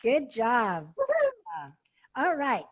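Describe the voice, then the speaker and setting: Lively, slightly husky woman coach. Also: a little high, very slow. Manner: encouraging, exclamatory. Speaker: speech workshop coach. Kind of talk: casual coaching chat. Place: video call.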